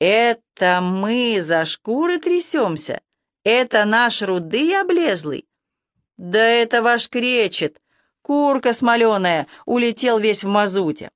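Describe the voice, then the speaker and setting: A woman reading the part of a gruff, hot-tempered male werewolf police major who growls and blusters, on a storybook audio recording. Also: medium pitch, expressive, a little slow, dry recording, studio quality, close to an everyday voice. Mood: furious.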